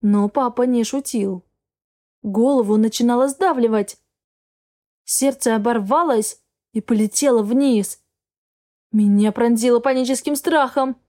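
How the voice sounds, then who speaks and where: Mellow-voiced woman narrating a story. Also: fairly high pitch, measured pace, long pauses. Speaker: audiobook narrator. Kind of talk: first-person scripted narration.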